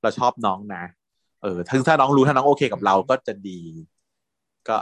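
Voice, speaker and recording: A man's voice: medium pitch, normal speed, fairly bright tone. A man in casual chat, recapping a series with frequent laughter and acting out the characters' lines. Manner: laughs often, acts out lines from the plot.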